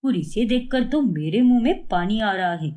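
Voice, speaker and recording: A woman voicing an easygoing young husband in a cartoon story, in a lowered voice and an eager manner. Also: expressive, normal speed, dark tone, lightly acted. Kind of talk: cartoon voice acting.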